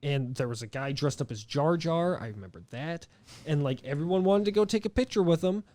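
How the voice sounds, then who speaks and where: A man's voice: on the high side, fairly quick, mellow. Rambling young man chatting on a podcast. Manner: rambling, with many fillers and restarts. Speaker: podcast co-host. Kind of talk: casual chat.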